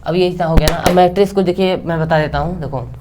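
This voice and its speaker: A man's voice: on the high side, fairly even intonation, fast, noisy background. Chatty young male math teacher. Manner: chatty, repetitive, keeps checking in with "theek hai", cracks jokes. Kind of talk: casual blackboard math lecture.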